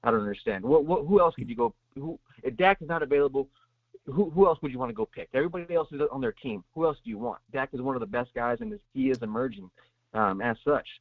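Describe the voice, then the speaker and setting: On a tinny phone line, a male caller shares his sports opinion in a rambling way, stumbling through restarts and plenty of fillers. He talks fast and expressively at a medium pitch, with no room sound.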